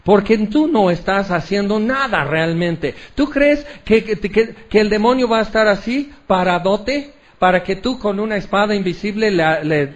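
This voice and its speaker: A male pastor, preaching a sermon in an animated storytelling way, acting out little scenes. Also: high-pitched. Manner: animated storytelling with acted-out asides.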